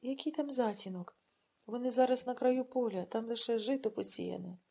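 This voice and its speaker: A woman voicing an exhausted, frightened pregnant village woman, soft and whispering when afraid. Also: fairly high pitch, moderate pace, vocal fry, husky. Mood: worried.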